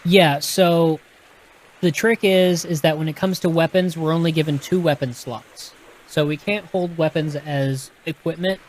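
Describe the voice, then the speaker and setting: With a Texan accent and a fairly high, steady voice, a man reads a gamebook aloud at a measured pace, casually walking a live audience through its rules. He explains as he goes, often restarting sentences and correcting himself. There's slight background noise.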